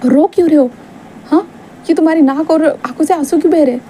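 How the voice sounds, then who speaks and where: A woman voicing a quiet, reserved young man who asks short, calm questions. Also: high-pitched, fast talker, a little hiss or hum, voice pushed up, lightly acted.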